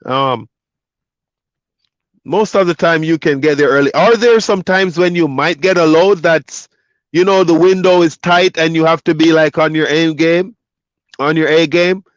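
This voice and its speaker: With a fairly high pitch and an unhurried pace, a man live-streams as a trucker, chatting casually and reading comments from chat out loud in a relaxed, loose manner. The sound is dry with no room tone, and the high frequencies are cut off.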